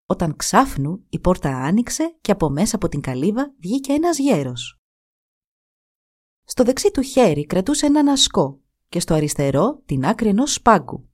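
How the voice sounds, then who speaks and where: A woman narrating a folk tale in an expressive, dramatic storytelling manner. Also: mid-range voice.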